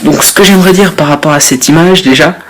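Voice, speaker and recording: Young French vlogger, casual crude humor, filler-heavy, a touch high-pitched. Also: male voice, fast, poor audio. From France. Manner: laid-back, rambling, blunt slangy jokes with many fillers. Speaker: YouTuber reacting to statements.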